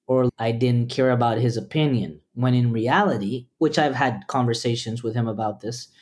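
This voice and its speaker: Podcast guest: a man from Costa Rica, earnest and measured, reflective. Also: mid-range voice, a little mellow. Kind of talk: reflective interview talk.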